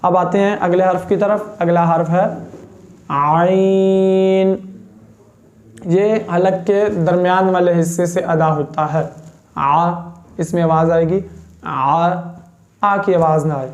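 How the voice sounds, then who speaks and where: A man teaching Quran pronunciation, patiently demonstrating each letter sound slowly. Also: high voice, steady tone, highs cut off. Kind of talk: step-by-step pronunciation lesson.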